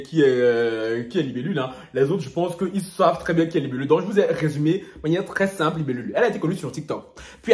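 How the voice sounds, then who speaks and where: A man hosting a gossip vlog, dramatic and chatty, with sing-song catchphrases and his own laughter running through the talk. His voice sits a little high and swoops all over the place. The room gives it a noticeable echo. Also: darkish tone. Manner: theatrical, sing-song asides and repeated catchphrases. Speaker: YouTuber.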